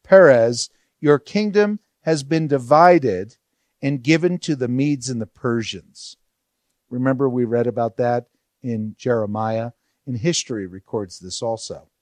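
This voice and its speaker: A man's voice: mid-range voice, unhurried, darkish tone, dry recording. A man teaching a Bible study verse by verse, explaining in a conversational way and asking rhetorical questions.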